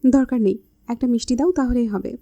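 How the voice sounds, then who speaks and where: A woman's voice: fairly high pitch, a little fast, dark tone, highs cut off. A woman voicing a teasing, smug young man.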